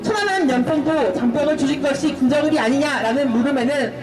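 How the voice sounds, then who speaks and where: Fiery political rally orator, high-pitched and declamatory, recorded at a distance amid crowd and music. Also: quick pace. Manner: declamatory, rallying the crowd with rhetorical questions and chants. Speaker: protest rally speaker. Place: public protest rally. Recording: echoey loudspeaker, distant mic, crowd and music.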